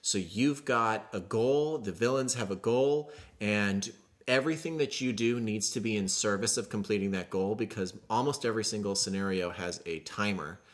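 A man's voice: lowish voice, normal speed. A man co-hosting a podcast, casually and eagerly explaining how a board game plays. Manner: enthusiastic, explains rules at length. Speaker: podcast co-host.

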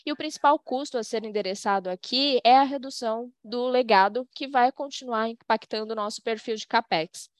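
Female Brazilian live interpreter, dry sound, higher-than-average pitch, corporate presentation delivery with halting phrasing. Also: no room sound. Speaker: simultaneous interpreter.

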